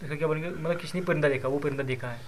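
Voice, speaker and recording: A man calmly prompting simple sentences, repeating and rephrasing each one. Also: on the high side, slight background noise. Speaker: elicitor asking for translations. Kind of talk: language elicitation session.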